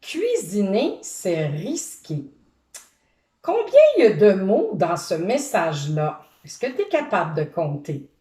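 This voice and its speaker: A woman reading a children's picture book aloud, pausing to ask her young listeners questions. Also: on the low side. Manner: slow, animated, quizzes young listeners. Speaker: storyteller for children. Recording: roomy, distant from the mic.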